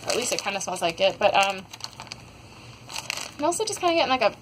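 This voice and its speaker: A woman's voice: medium pitch, sing-song, quick pace, noisy background. A young woman casually reviewing scented wax melts at home, rambling with many fillers. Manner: rambling, many ums and likes. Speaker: wax melt haul vlogger. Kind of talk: casual product review chat.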